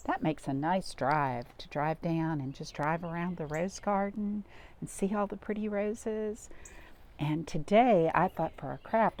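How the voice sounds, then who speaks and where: A woman with a fairly low, darkish voice leads a storytime for young children. She reads aloud and talks through crafts in simple, repeated phrases, speaking straight to her little audience.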